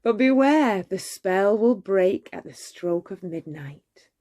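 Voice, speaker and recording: A woman's voice: medium pitch, expressive, slow pace, mellow. A woman voicing a kindly, magical fairy godmother in a storybook, with a soothing, emphatic, sing-song delivery. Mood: cautioning. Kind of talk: storybook read-aloud character voice.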